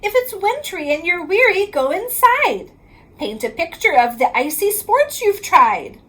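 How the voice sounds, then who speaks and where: Reading a rhyming picture book to children, a woman uses a very high, slightly bright voice with big swings in pitch. She keeps a sing-song cadence and draws out each line's ending.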